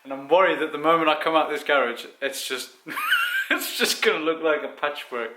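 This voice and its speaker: Background noise accompanies a slightly high male voice with huge pitch swings and a moderate pace. A South African-born car vlogger who grew up in Zimbabwe, he chats casually and mocks himself while fixing his car in his home garage.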